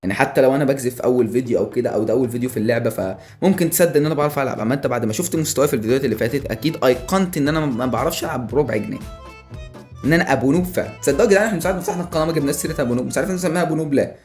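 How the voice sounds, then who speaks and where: A man with an Egyptian Arabic accent doing excitable live commentary over a football video game, yelling at the players and joking with viewers. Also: medium pitch, rapid-fire, soft background music. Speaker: gaming YouTuber.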